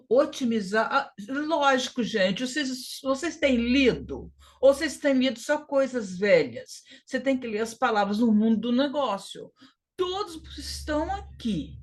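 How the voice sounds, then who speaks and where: This is an English teacher, a woman with a Brazilian Portuguese accent and a somewhat high voice, giving an informal English lesson. She sounds out syllables with emphasis and repeats the key words.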